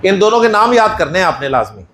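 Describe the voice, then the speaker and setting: A man's voice: sits high, sing-song, fast talker, pushed and bright, echoey room, slight background noise. A male teacher with a Pakistani Urdu accent giving a Quran Arabic lesson in a mosque class, patiently quizzing students and praising their answers.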